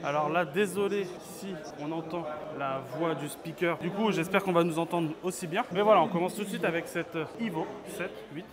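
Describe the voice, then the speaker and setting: A man's voice: fairly high pitch, fairly quick, hardly any pauses, crowd noise. A man presenting a car show to viewers in a casual, admiring way, chatting as he walks around. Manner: informal, admiring. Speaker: vlog host presenting a car event. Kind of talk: casual vlog commentary addressed to viewers and a friend. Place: walking through a car show, outdoors and in exhibition halls.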